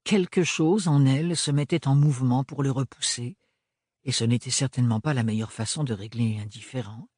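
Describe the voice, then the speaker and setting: A man narrating a novel in a measured, even reading voice. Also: medium pitch, slightly rough, no echo, clean studio sound. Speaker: audiobook narrator. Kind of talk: scripted narration.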